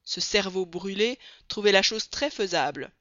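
A measured audiobook narrator reading a classic novel with clear, steady storytelling. The voice is bright and forward, recorded dry with a slightly dull, lo-fi sound. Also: mid-range voice, no echo.

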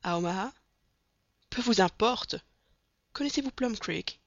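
A reader voicing a brash, insolent American colonel with a loud, scornful delivery, in a dull, dry recording. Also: medium pitch, lively intonation, a little slow, no echo, pitched above the performer's own voice.

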